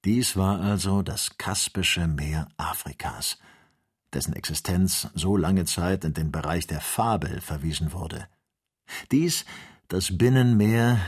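A man narrating an audiobook in an even, descriptive storytelling manner. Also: sits low, a little slow, husky. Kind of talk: scripted narration.

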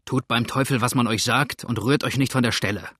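Man doing a gruff river pirate, bossy and commanding, storybook reading, dry close sound. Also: fairly low pitch, normal speed, no room sound. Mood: threatening. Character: rough grown male river pirate, bossy.

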